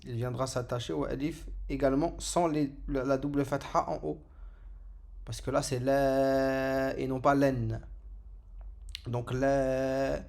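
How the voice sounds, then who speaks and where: A man's voice: medium pitch, fairly even intonation, moderate pace, gravelly, a little mellow. A man giving a patient, step-by-step lesson on Arabic letters, repeating each sound for learners. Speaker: Arabic teacher. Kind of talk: slow step-by-step alphabet lesson.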